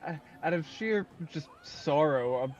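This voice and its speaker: A man's voice: on the high side, animated, a little slow, far from the mic, muffled recording. A man playing a tabletop game who describes his character's actions in the third person. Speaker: player.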